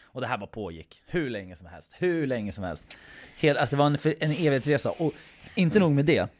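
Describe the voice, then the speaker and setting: A man's voice: medium pitch, lively intonation. A man telling a long anecdote in casual podcast chat, acting out quotes and swearing casually.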